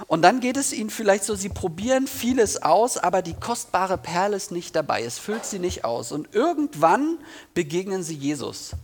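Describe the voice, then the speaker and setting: A man preaching a sermon in a church, talking earnestly and directly to the congregation, asking questions and reading a passage from the Bible. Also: high voice. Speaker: pastor.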